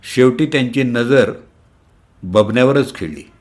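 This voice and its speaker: A man's voice: medium pitch, unhurried. Man reading a comic story aloud. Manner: expressive, lively reading.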